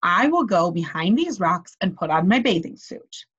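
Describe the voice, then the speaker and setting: A woman's voice: lowish voice, big pitch swings, normal speed, fairly bright tone, husky, highs cut off, heavily acted. A woman voicing a fussy, easily embarrassed male toad in a children's storybook. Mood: self-conscious, insistent.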